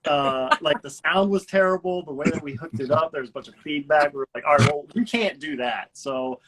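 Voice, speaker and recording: A man's voice: a little high, fairly quick, crowd noise, poor audio. A young man, a guitarist and vocalist, chatting casually in an interview, telling rambling stories with laughs and crude language.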